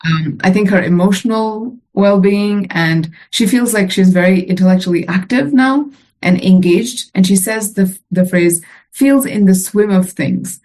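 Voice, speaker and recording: A woman co-hosting a podcast, telling stories in casual chat with quick, chatty delivery and frequent fillers. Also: medium pitch, darkish tone. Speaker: podcast co-host, program facilitator.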